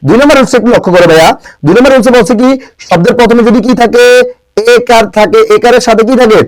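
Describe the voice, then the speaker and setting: A young man from Bangladesh teaching an exam-prep grammar lesson, drilling pronunciation with constant rhetorical questions and repeating words slowly for emphasis. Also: extremely high pitch, no echo, poor audio.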